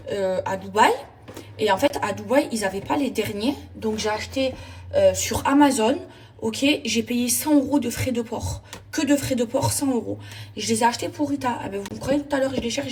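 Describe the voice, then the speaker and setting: A woman's voice: fairly high pitch, noisy background. A woman chatting casually and emphatically to her followers while doing housework at home. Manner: chatty, emphatic, slangy, addresses viewers as girls. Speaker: lifestyle vlogger. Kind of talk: casual daily vlog chat to followers. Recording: distant mic with household cleaning clatter.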